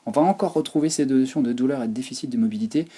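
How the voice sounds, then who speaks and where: A man's voice: medium pitch, rapid-fire, mellow, slightly rough. A man presenting a physiotherapy talk over slides, hesitant, with many fillers and restarts. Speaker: physiotherapy lecturer.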